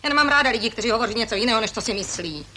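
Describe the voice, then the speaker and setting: A proud young lady who argues with scorn and flares up fast. Her voice is bright and cutting and sits a little high. It is 1960s television stage acting. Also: lively intonation, slight background noise. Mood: quarrelsome. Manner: sharp-tongued, scornful, flares up into shouting. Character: proud quarrelsome young landowner's daughter.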